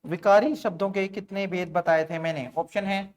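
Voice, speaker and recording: A man's voice: sits high, fairly even intonation, moderate pace. A man teaching an online grammar lesson, explaining step by step and often putting questions to his students, with frequent fillers. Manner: sprinkles fillers like "theek hai" and "bhai".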